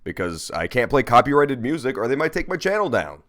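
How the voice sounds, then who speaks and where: Animated man chatting on a game stream. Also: medium pitch, fairly quick. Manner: playful, profane, rambling. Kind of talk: casual live-stream chat with gameplay commentary.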